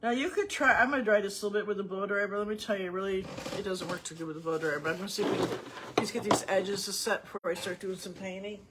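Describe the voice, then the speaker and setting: Woman painting teacher, folksy and rambling, medium pitch, soft hiss in the background. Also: quick pace. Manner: rambling, chatty, folksy, with asides and restarts. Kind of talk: casual painting tutorial.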